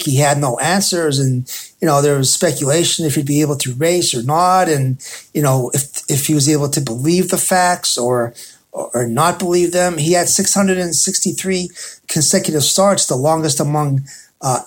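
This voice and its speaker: Halting male sports radio host. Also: fairly high pitch. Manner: halting, hesitant delivery with frequent pauses. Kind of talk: loosely scripted sports talk commentary.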